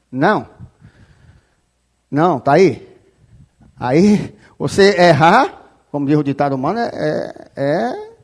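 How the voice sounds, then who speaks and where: A pastor preaching a fiery sermon, shouting and scolding the congregation, often calling them "rapaz". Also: male voice, on the high side, husky. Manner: quotes scripture aloud.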